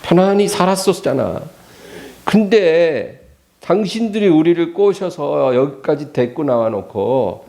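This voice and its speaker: A male pastor acting out a bitter Israelite man who grumbles and accuses his leaders, in a whiny, drawn-out way, with a gravelly voice. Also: fairly high pitch, darkish tone.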